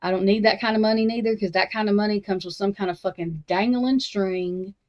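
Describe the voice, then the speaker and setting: A woman rants in a loose, rambling monologue, blunt and heavy with cursing, her thoughts breaking off and restarting. Her pitch sits in an ordinary middle range. The sound is a little dull and lo-fi. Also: fairly even intonation, brisk. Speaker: true crime talk host. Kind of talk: casual ranting monologue.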